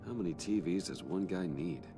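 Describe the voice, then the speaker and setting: An actor playing a calm, reserved wealthy man who speaks low and measured in a video game. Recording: game audio with reverb and music.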